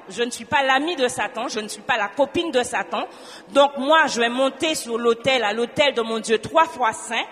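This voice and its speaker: A woman's voice: fairly high pitch, a bit bright, big-room sound. A woman from Guadeloupe giving a spoken church testimony, telling her story with animation and acting out both sides of a conversation.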